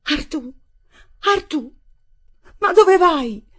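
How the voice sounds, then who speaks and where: A woman reading a novel aloud, voicing a frightened young stepmother who cries out in shrill, desperate calls. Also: expressive, very slow, exaggerated voice. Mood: frantic.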